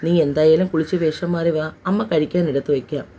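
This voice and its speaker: A woman's voice: deep voice, fairly even intonation, brisk, mellow, a little hiss or hum. A woman narrator voicing a fretful, fussing older grandmother in an audio story. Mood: scolding.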